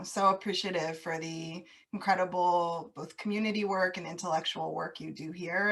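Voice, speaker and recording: A woman interview guest speaking casually and reflectively, laughing now and then as she talks about growing up on military bases. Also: fairly low pitch. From grew up on US military bases overseas. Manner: warm, reflective, laughs easily.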